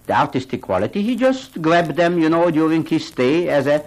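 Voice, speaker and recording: An older man from Hungary, an art gallery owner and collector, gives a radio interview in a fairly high voice at normal speed. The recording is low quality, and he comes across as animated and earnest, with non-native phrasing.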